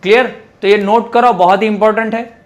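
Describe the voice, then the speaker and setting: Guy teaching chemistry, fairly high voice, keeps checking if you got it. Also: fairly even intonation, fairly quick. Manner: explains step by step, often checks understanding. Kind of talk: classroom lecture.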